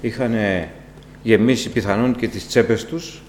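A man preaching a sermon to his congregation, impassioned, with sudden rises in pitch and volume, asking rhetorical questions and speaking to them directly. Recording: long reverb with faint electrical hum.

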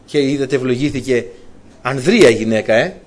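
A man preaching a sermon, telling stories to his congregation with colloquial asides and calling them dear brothers. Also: medium pitch.

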